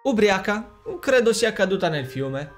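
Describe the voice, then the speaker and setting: A man voicing a shrill scheming wicked sister. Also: sing-song, a little slow, faint music behind. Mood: mocking. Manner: mocking, menacing, shrill outbursts. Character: scheming cruel young woman villain.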